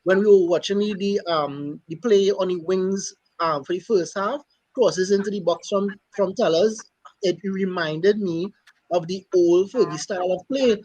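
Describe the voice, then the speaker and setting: A man's voice: sits high, measured pace, a little mellow. Man with dull lo-fi sound. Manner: questioning, builds arguments with stats. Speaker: podcast co-host. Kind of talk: casual football analysis.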